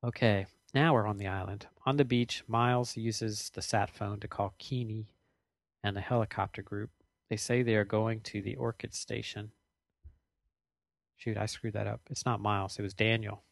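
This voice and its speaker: A man's voice: lowish voice, steady tone, moderate pace, creaky, no echo. A man co-hosting a podcast, casually recapping a TV episode at length and correcting himself as he goes. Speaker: podcast co-host.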